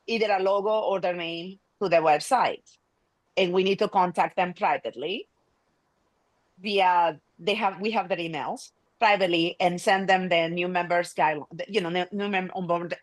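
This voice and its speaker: A woman's voice: fairly low pitch, dry recording, low-quality recording. A woman whose first language is Spanish, hosting an online meeting in a friendly, hesitant way with many restarts. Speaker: meeting host. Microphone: video call.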